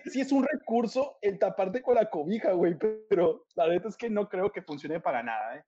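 Teasing high-voiced Mexican man, lo-fi mic. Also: animated, a little fast. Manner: teasing, joking, slangy. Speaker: podcast co-host. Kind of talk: casual banter. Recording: dull lo-fi mic with faint hiss.

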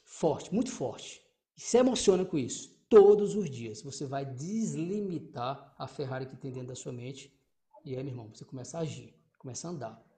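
A man with a Brazilian accent giving an energetic motivational talk as a coach, emphatic, repetitive and swearing freely, asking rhetorical questions. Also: medium pitch, fairly quick. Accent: Brazilian Portuguese. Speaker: motivational coach for exam candidates.

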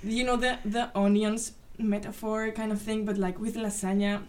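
A woman's voice: mid-range voice, little pitch movement, moderate pace, a little mellow, distant mic, slight background noise. A young woman co-hosting a casual podcast in a kitchen, rambling with lots of fillers and laughing along. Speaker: podcast co-host. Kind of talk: casual chat. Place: youth center kitchen.

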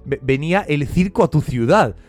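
A man's voice: on the high side, lively intonation, normal speed, faint music behind. A man from Spain with a Spanish accent, co-hosting a podcast in easygoing chat with frequent laughs. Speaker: podcast co-host. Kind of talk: casual chat.

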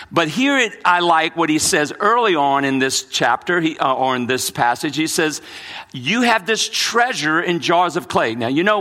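A middle-aged American pastor with a blended New Orleans and Brooklyn accent preaches a sermon earnestly, often repeating himself and restarting his lines. His voice is a little high, bright, and forceful.

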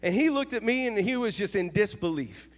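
High-voiced fervent preacher in a reverberant sanctuary. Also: male voice, lively intonation, a little fast. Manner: fervent preaching with call-and-response. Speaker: pastor. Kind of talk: revival sermon. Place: church sanctuary.

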